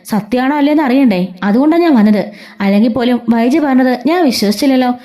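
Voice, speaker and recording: A woman's voice: sits high, lively intonation, quick pace, mellow. A woman voicing a stern older family man who firmly tells others to mind their words.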